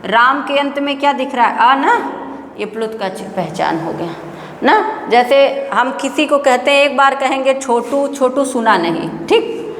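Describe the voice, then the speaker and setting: A high-pitched woman lectures on grammar for exam students, posing questions to the class and answering them herself. She stretches out example sounds in a slow chant. Her voice rings in a roomy space with a long, lingering reverb. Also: lively intonation, a bit bright, a little hiss or hum. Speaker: Sanskrit grammar teacher. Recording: echoey room with long reverb.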